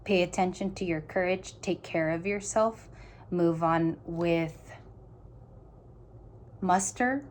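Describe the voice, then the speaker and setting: A woman's voice: on the low side, slow pace, pauses often, a little mellow, a little hiss or hum. A woman giving a casual tarot reading to her viewers, thinking aloud in stop-start phrases and talking earnestly straight to the listener. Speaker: tarot reader.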